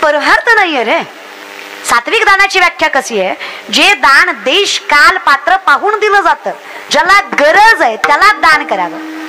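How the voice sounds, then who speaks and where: A young woman delivers a comic devotional sermon, her voice pitched very high and ringing bright. She exhorts the crowd and slips into villagers' voices to act out their words. A faint background hum runs beneath her. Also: very animated, moderate pace. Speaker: kirtan preacher.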